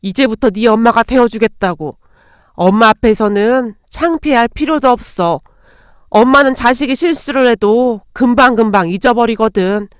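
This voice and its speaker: A woman's voice: on the high side, moderate pace, smooth, dry recording, studio quality, close to an everyday voice. A woman voicing an older mother-in-law who is stern with outsiders and motherly to her daughter-in-law. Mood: tender. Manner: firm and protective, motherly.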